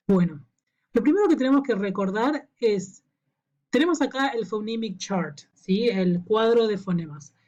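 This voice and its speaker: A woman's voice: mid-range voice, darkish tone. Woman teaching pronunciation, patient, keeps asking "sí?", kinda lo-fi audio. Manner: patient, checks in with frequent "¿sí?". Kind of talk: explanatory lesson to camera.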